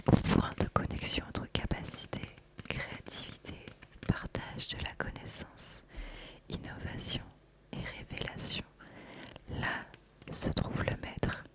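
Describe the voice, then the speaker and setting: Softly whispering, a woman gives a measured ASMR presentation of an oracle card deck, choosing her phrasing with care.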